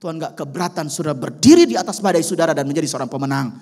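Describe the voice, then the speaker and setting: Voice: medium pitch, lively intonation, rapid-fire, a little mellow. A pastor preaching a sermon and telling a story with animation, often addressing the congregation directly. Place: church service.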